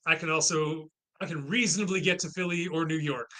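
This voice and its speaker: A friendly man from central Pennsylvania talking as a podcast guest, explaining things in an easy, chatty way. His voice is strikingly bright and edgy, pitched a little high for a man. He speaks casually with small restarts. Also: fairly even intonation, a little fast, low-quality recording. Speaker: guest, math content creator. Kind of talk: casual interview chat.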